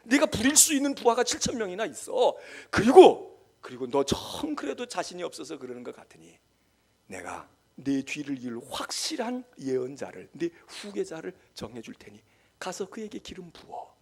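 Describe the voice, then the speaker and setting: A man preaching a sermon, voicing God as a blunt, forceful commander who orders a weary prophet back to his task. He speaks the role in plain, colloquial commands. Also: high voice, huge pitch swings, moderate pace, gravelly, slightly rough, heavily acted. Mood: commanding.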